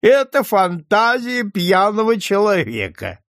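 A man voicing a drunken, mocking man who flares up quickly, with slurred, laughing bluster in an audiobook reading. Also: on the high side, huge pitch swings, creaky, slightly rough, no room sound, studio quality, exaggerated voice.

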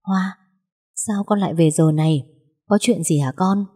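A woman's voice: fairly low pitch, measured pace, husky. A woman voicing a caring mother who fusses over her grown daughter in a read-aloud story. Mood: gentle. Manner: gentle, fussing. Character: caring mother, gentle and worried.

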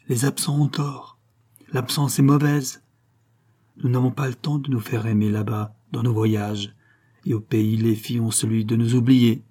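A man's voice: medium pitch, warm tone, natural voice. A man voicing a brooding young villager.

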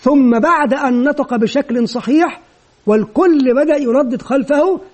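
Guy with a really high voice teaching a lesson, asks himself questions then answers em. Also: normal speed, a little mellow. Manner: explains step by step, asks and answers his own questions. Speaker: teacher trainer. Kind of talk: instructional lecture.

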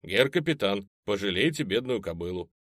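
A man's voice: on the low side, animated, moderate pace, a bit bright, no echo, studio quality. A man voicing a clumsy young apprentice who talks in a pleading, joking way. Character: young male apprentice, clumsy, self-mocking.

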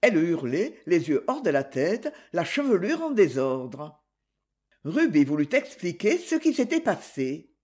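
Slow, lively audiobook narrator. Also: medium pitch. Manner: measured storytelling. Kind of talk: scripted narration.

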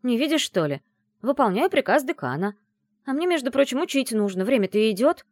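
A woman's voice: on the high side, lively intonation, a little mellow, dry recording, studio quality, voice pushed up, lightly acted. A woman voicing a young female student friend who grumbles, bosses and flares up easily. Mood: grumbling. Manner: grumbling, bossy, quick to anger.

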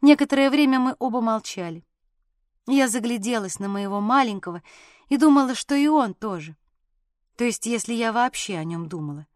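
A woman narrates a classic novel in a calm, measured voice that sits fairly high for her sex. The reading is close and dry, with no room echo. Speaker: audiobook narrator. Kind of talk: first-person literary narration.

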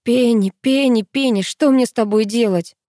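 Confident young male lover in an audiobook, read by a woman, warm tone, dry mic. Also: fairly high pitch, normal speed, no echo, voice pushed up, lightly acted. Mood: ardent. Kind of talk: audiobook reading.

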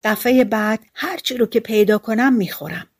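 A woman's voice: fairly high pitch, husky. A hungry, good-natured tailor mutters his thoughts aloud, in a woman's reading. The voice stays close to plain speech, simple and kindly, in a storybook. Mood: musing. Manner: plain-spoken, muttering to himself.

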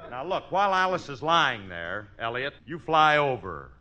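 A man's voice: mid-range voice, very animated, normal speed, sharp tone. A man playing a bossy, scheming husband in an old-time radio comedy, with an insistent, blustering and wheedling delivery. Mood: bossy, exasperated. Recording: noisy old radio recording.

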